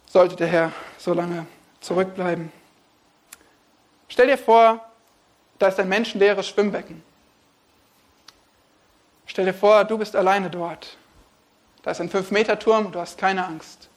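Expressive man preaching a sermon. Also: high voice, a little slow, long pauses. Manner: expressive, swings between hushed and emphatic.

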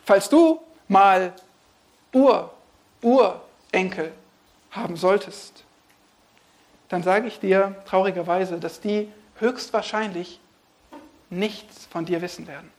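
A man preaching a sermon on a Bible passage, swinging between hushed, quiet phrases and emphatic, raised ones. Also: high-pitched, slow, pauses often.

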